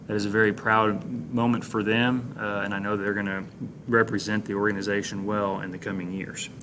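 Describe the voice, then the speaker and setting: A high school administrator, an American man with a low voice, gives informal announcements to students like an orientation leader. His tone is flat and even, plain-spoken, encouraging and congratulatory, with halting phrasing and frequent pauses. Background noise is clearly audible.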